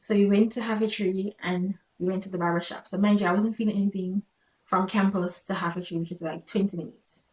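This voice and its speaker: A woman's voice: mid-range voice, steady tone, brisk, a little mellow. A young woman telling a personal story in a casual, chatty, conversational vlog style, recorded in an echoey room. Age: young adult. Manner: conversational, acts out quoted remarks. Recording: echoey, roomy sound.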